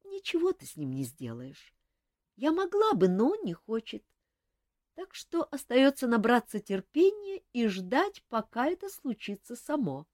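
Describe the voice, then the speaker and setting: A woman voicing an earnest, gentle young woman who pleads in a high, lively voice in an audiobook. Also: a little slow, no room sound, clean studio sound, heavily acted.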